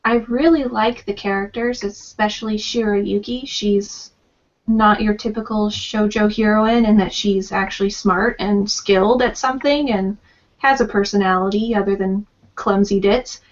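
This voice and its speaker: A woman's voice: medium pitch, fairly even intonation, normal speed. A woman on an online group call, sharing her opinions in a chatty, thoughtful way. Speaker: panelist. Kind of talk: casual online group discussion. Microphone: video call. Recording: dull lo-fi voice-call audio.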